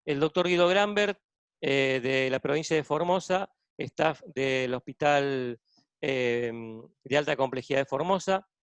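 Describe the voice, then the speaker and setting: A cardiologist with a Buenos Aires Argentine accent hosts a medical webinar from a hospital intensive care unit, introducing guests over a video call. His mid-range voice is smooth and measured, with no echo.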